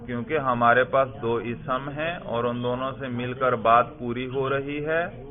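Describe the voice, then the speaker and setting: A man with a medium-pitched voice and fairly even intonation teaches an Arabic grammar lesson in class, questioning students and drilling their answers. The audio has a narrow, phone-like quality.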